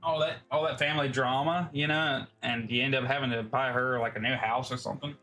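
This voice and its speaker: A man's voice: medium pitch, steady tone, fairly quick, bright, forceful tone, faint music behind. A man streaming a video game, chatting casually with loose, joking, profane asides. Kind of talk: casual gameplay commentary.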